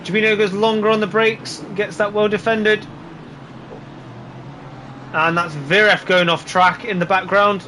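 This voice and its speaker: A man doing live motorsport commentary, calling the race play by play in an excitable, exclaiming way. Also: high voice, measured pace, long pauses, a little hiss or hum. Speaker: motorsport commentator on a sim racing broadcast.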